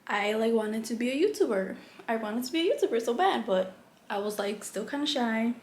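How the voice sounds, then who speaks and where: A woman's voice: a little high, expressive, brisk, a little mellow. A young adult woman vlogging in a candid, rambling way, full of "like" and restarts. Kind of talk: casual chat. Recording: echoey room, faint background hum.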